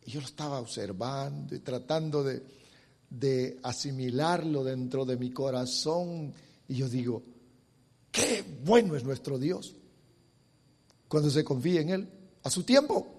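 A man preaching an emotional sermon, swinging from soft talk to loud, fervent scripture reading. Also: medium pitch, measured pace, pauses often. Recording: long hall reverb.

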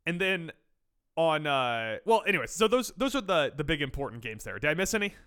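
A man co-hosts a sports podcast, running through the games with wry asides. His voice is bright and has a forceful edge, and his pitch rises and falls a lot as he talks. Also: big pitch swings, clean tone. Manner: wry, quick rundown of games. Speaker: podcast co-host. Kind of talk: casual sports chat.

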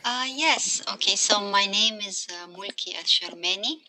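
A woman's voice: mid-range voice, measured pace, sharp tone, rough recording. A woman in her forties, raised in Egypt, speaking as an academic guest on a podcast in a thoughtful, hesitant way with many fillers. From Somalia, raised in Egypt. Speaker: guest, associate professor. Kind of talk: podcast interview.

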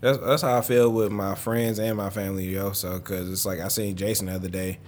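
A man's voice: sits low, little pitch movement, a little fast, darkish tone, a little hiss or hum. A young man, chatting casually and profanely as a podcast co-host, telling stories. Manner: laid-back, profane, storytelling. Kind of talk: casual chat.

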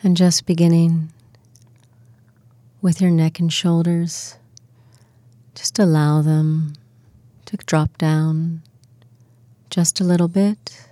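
A woman leading a guided muscle relaxation and visualization, speaking in slow, soothing, soft-spoken instructions. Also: lowish voice, little pitch movement, no echo.

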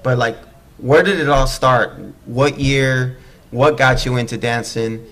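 A man's voice: medium pitch, steady tone, a little slow, a bit bright, rough recording. Hype, laid-back male podcast host. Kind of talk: casual podcast interview. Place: Houston.

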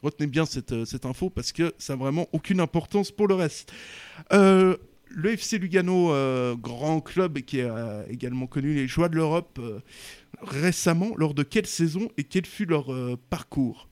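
A man with a slightly high voice runs a relaxed football quiz. He teases the contestants and stumbles through questions with lots of fillers. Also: moderate pace. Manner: teasing, hesitant with many fillers. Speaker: quiz host. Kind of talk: casual football quiz chat.

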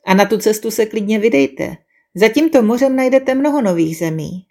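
A woman's voice: on the high side, lively intonation, darkish tone. Woman reading a solemn male condor for a storybook, firm and cautioning. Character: solemn male condor, a proud warning elder.

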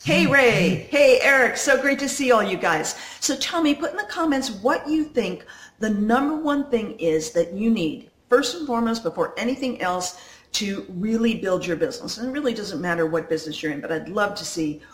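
Woman, natural unscripted talk, live-stream coach, conversational, speaking straight to viewers, mid-range pitch, echoey indoor phone recording. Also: animated, moderate pace. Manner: conversational, often addressing viewers directly. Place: indoors at home in a condo. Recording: roomy, echoey sound.

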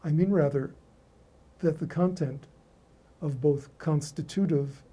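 Casting: male academic lecturer, professorial and erudite, formal measured reading, deeply mellow, husky tone.

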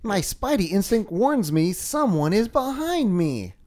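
An earnest young comic-book superhero, as a man puts him on for a comic read-aloud. He talks high and lively, and he hams up every line in a corny, overdramatic way. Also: measured pace. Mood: heroic.

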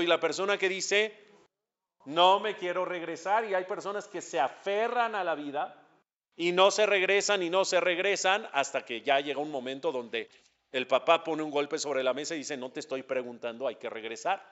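Animated rabbi teaching a class. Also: male voice, a little high. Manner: animated storyteller acting out dialogue, asks the audience questions. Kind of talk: religious lesson. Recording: dull lo-fi recording.

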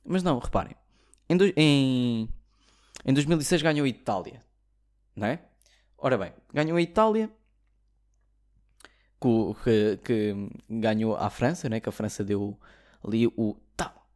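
A young man from Portugal speaks with a European Portuguese accent and a voice of middling pitch. He rants sarcastically in a casual comic monologue and swears freely. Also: lively intonation, normal speed, pauses often, darkish tone. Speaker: comedy podcaster.

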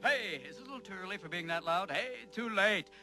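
An actor playing a radio DJ who fires off manic, wisecracking patter into a studio microphone with loud bursts. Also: male voice, sits high, animated, fast, full character voice.

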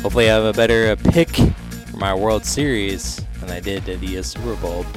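A man hosting sports radio, talking casually with somewhat halting phrasing. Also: on the low side, fairly even intonation, over music.

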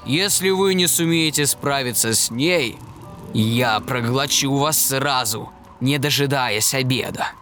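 A man voicing a hungry, menacing male dragon with a slow, growling delivery in a storybook reading. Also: medium pitch, fairly bright tone, faint music behind, voice pushed down, lightly acted.

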